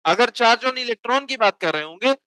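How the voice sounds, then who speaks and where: A man gives a physics lecture in a high, crisp, resonant voice. He quizzes the class and answers his own questions, and at times dictates notes word by word. The sound is dry and close. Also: animated, a little slow, sharp tone, dry recording, low-quality recording. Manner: asks students questions and answers them himself. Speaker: physics teacher.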